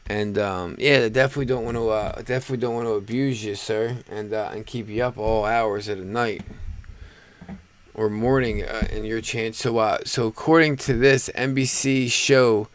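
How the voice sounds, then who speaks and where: A man from the United States hosting a live stream, talking in a relaxed, halting, rambling way about the news. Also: fairly low pitch. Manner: laid-back, halting and rambling. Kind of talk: casual political chat.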